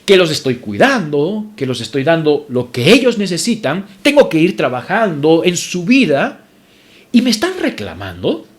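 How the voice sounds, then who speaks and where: A man preaching from the pulpit in a fairly high, lively voice that swings up and down. He repeats his verse references and calls his listeners brothers, pressing his points with emphatic force. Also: moderate pace. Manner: emphatic preaching, repeats scripture references, rises sharply when indignant; addresses congregation as brothers. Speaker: pastor. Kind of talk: sermon.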